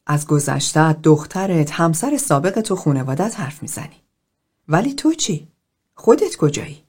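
A woman voicing an older male group therapist who questions steadily and presses gently. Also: low voice, big pitch swings, breathy edge, full character voice. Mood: probing.

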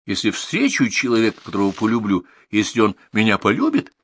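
A man voicing a calm, devout young adult daughter who speaks in a quiet, composed, matter-of-fact way. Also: lowish voice, brisk, breathy edge, dry recording, exaggerated voice.

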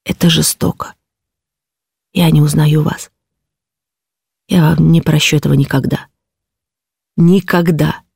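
Audiobook: woman playing desperate noblewoman, breathless indignation, warm dark timbre. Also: low voice, fairly even intonation, a little slow, creaky, long pauses, husky, dry recording, studio quality, exaggerated voice. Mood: impassioned. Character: distraught noblewoman defending her ward, impassioned. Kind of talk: audiobook character reading.

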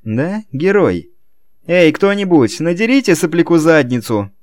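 A man's voice: sing-song, slow, a little mellow, clear, resonant tone, exaggerated voice. A man voicing a spoiled, sadistic rich young man who screeches insults and orders. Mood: screaming. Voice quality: shrill, screeching.

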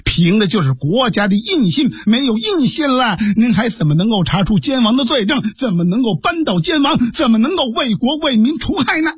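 A male storyteller voicing a shrewd, fretful sworn brother who talks fast, raised and insistent. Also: extremely high pitch, lively intonation, breathy edge, no room sound, studio quality, heavily acted. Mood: earnest pleading. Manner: raised, rapid, insistent pleading.

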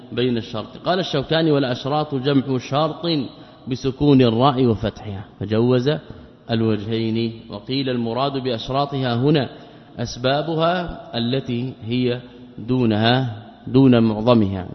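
An Islamic scholar teaches a classical religious text, moving at a deliberate pace and restating his points through rhetorical questions. His medium-pitched voice echoes with a long reverb, as if in a big hall, on a dull, lo-fi recording.

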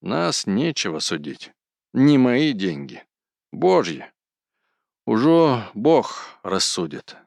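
A man voicing an old, pious wandering man who speaks calmly and reproachfully. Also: medium pitch, slow pace, gravelly, no echo, clean studio sound, voice pushed up, full character voice. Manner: calm, plain-spoken, reproachful.

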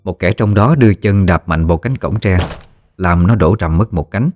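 A man narrating a horror story in a steady, measured way. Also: sits low, soft background music.

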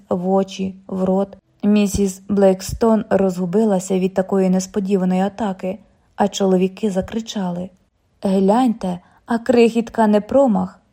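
A woman's voice: mid-range voice, mellow. A woman reading a novel aloud as an audiobook narrator, voicing the characters' lines with only slight changes to her voice.

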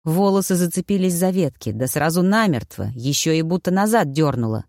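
A woman telling a fantasy story in the first person as an audiobook narrator, with lively, expressive delivery. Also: on the low side, brisk, no echo, clean studio sound.

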